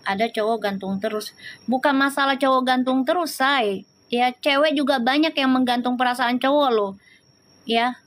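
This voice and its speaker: A woman's voice: sits high, moderate pace. A woman hosting a live tarot reading, chatting and teasing her viewers as she reads their comments. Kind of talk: casual live-stream tarot reading and chat.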